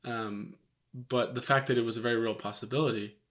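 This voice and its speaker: A young man and expectant father chatting casually on camera in a relaxed, joking way with many fillers, "like" and "you know". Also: mid-range voice, a little fast. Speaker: vlog co-host, expectant father. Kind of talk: casual couple chat to camera. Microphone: microphone on camera.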